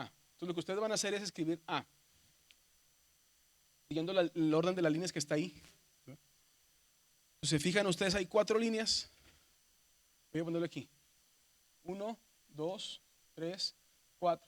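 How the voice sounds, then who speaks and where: A man's voice: on the high side, fairly bright tone. A man, teaching a seminary class on the Greek alphabet, patient and repetitive, calling his students brothers. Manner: patient, repeats "¿verdad?" and spells letters aloud. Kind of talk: classroom lesson.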